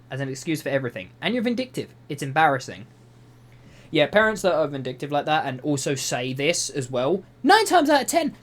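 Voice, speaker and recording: A young man reads reddit posts and reacts to them, swearing freely and drifting into rambling asides. His pitch swings widely, climbing and dropping as he goes. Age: young adult. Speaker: YouTuber. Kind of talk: reading reddit posts with commentary. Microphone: voice-over over gameplay footage.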